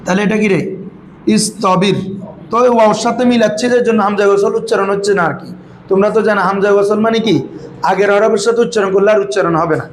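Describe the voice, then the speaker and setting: A man with a high voice teaches a grammar class. He keeps asking his students questions and calls them fondly as he explains. Faint noise sits behind the recording. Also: steady tone, low-quality recording. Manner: recites Quranic verses slowly. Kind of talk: classroom lesson.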